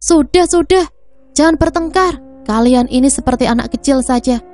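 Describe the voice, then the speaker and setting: A woman voicing a middle-aged wife who scolds quarrelling brothers in a shrill, high voice. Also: fairly even intonation, a little fast, dark tone, lightly acted. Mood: scolding.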